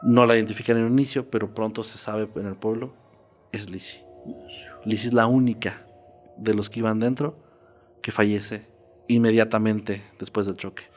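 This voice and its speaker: A man's voice: lowish voice, fairly even intonation, moderate pace, a little mellow, faint music behind. A man narrating a true horror story in a casual, conversational podcast style. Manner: conversational, checks in with "¿no?".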